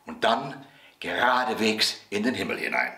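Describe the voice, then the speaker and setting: A man reading a bedtime story aloud in a gentle, expressive way. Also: lowish voice, moderate pace. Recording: roomy echo.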